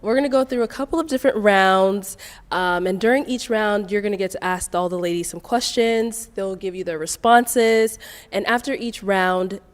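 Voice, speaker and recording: A woman's voice: mid-range voice, normal speed, big-room sound. A woman hosting a dating show, upbeat as she explains the rules.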